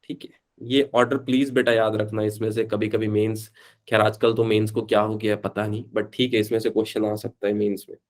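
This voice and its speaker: A man's voice: fairly low pitch, level tone, fairly quick. A man teaching a live online physics class, chatty, calling students beta and switching between Hindi and English.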